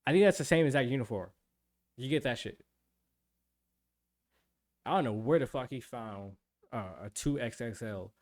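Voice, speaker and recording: A man's voice: medium pitch, lively intonation, moderate pace, pauses often, a little mellow. A young adult man streaming, telling a rambling, profane story in casual chat.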